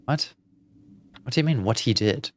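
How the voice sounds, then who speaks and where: A man voicing a frightened little girl in a video game, reading her lines in a high, pleading, childlike voice. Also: lively intonation, normal speed, close to an everyday voice.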